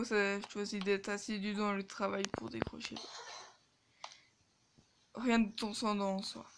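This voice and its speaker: Slow-spoken woman reading a game aloud. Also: mid-range voice, background noise. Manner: sarcastic asides. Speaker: video game player. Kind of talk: reading a story game aloud with side comments.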